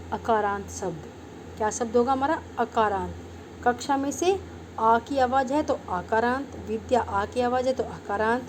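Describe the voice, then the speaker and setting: A woman from India with a somewhat raised voice teaches an online Sanskrit class. She breaks words into syllables and says each one slowly and deliberately. A faint hum runs under her voice. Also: a little high, a little mellow. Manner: patient, drawn-out syllable-by-syllable pronunciation; addresses pupils as "beta".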